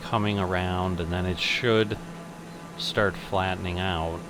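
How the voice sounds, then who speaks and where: Slow, deep-voiced older man. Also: steady tone, over music. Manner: thinks aloud, unhurried, self-correcting. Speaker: flight sim streamer. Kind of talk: casual gameplay commentary.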